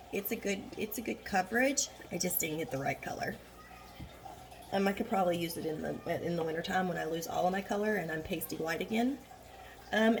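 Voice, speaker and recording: A woman's voice: fairly low pitch, darkish tone. Chatty woman doing a makeup tutorial. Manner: chatty, rambling, blunt and frank. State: a little hoarse. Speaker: beauty vlogger. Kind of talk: casual makeup tutorial chat. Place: at home. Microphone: phone camera.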